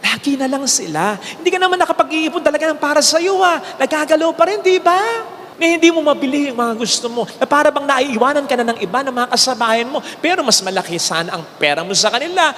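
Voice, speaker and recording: Filipino priest preaching, very high voice, lively storyteller, long church reverb, faint hiss. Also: male voice, quick pace. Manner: animated storytelling, swinging from high exclaims to low hushed lines. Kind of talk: homily. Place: large church.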